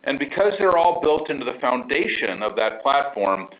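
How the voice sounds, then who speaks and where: Calling in remotely from abroad, a male CEO speaks with enthusiasm on an earnings call, filling his speech with frequent fillers. The recording is muffled, and his mid-range voice is sing-song at a moderate pace.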